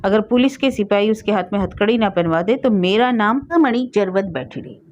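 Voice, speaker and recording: A woman voicing a furious village husband who shouts orders and threats, in a storybook reading. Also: mid-range voice, lively intonation, normal speed, slight background noise, lightly acted. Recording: dull lo-fi recording.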